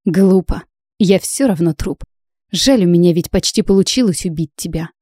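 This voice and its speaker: A woman's voice: fairly low pitch, moderate pace, warm tone, dry recording, studio quality, lightly acted. Woman reading as a mocking ice witch. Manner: mocking, hoarse laugh. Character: spiteful wounded female ice witch.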